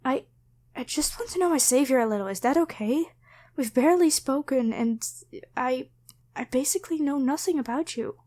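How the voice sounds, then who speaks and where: Speaking right to the listener, this very high-pitched young woman, voiced by a female actor for an ASMR roleplay, comes across as thankful and quick to get flustered. Her hesitant, meandering speech is packed with stammers and apologies at a normal speed, with a darkish tone and a mood of shy pleading.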